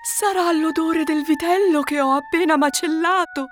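A woman voicing the ogre's timid, kindly wife in a storybook reading, soft and coaxing. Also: extremely high pitch, fairly even intonation, normal speed, faint music behind.

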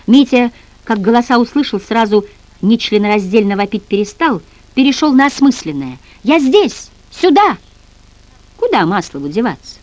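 A woman giving an expressive, dramatic audiobook narration into a close studio mic. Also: mid-range voice, no room sound, poor audio. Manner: animated, dramatic.

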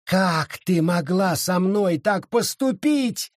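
A man voicing a bitter woman driven mad, shrieking slow, venomous curses in a raised, shrill voice. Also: dry recording, studio quality. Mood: raving.

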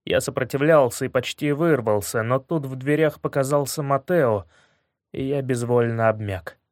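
Measured male audiobook narrator, dry sound. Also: medium pitch, darkish tone, no echo. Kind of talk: first-person storybook narration.

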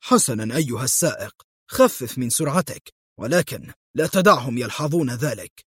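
A man's voice: a little high, expressive, moderate pace, husky, no room sound, clean studio sound. A man voicing a furious, cunning male villain in an audio story, barking orders at his men. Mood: sly. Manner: barking orders, angry and sly.

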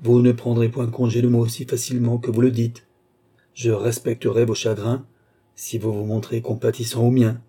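A man's voice: medium pitch, completely flat delivery, normal speed, dark tone, husky, natural voice. A man voicing a hot-headed young nobleman who speaks in indignant, clipped bursts. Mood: furious.

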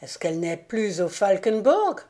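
A woman's voice: medium pitch, sing-song, unhurried, mellow. A woman doing an earnest, anxious young knight.

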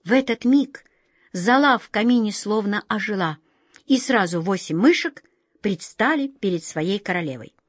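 A woman narrating a children's fairy tale with expressive storybook reading. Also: medium pitch, moderate pace, no room sound, studio quality.

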